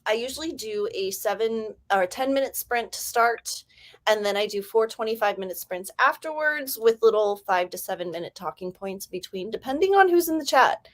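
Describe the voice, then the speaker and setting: A woman's voice: fairly high pitch, animated, moderate pace. Hyper, chatty woman livestream host. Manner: hyper, chatty, rambling with restarts. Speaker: livestream host running writing sprints. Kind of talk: casual livestream chat.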